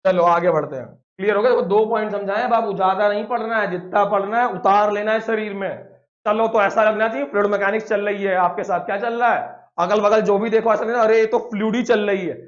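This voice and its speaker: A man's voice: high voice, fairly even intonation, fairly quick, muffled recording. A man teaching a classroom lecture, playful and blunt, always firing questions at his students.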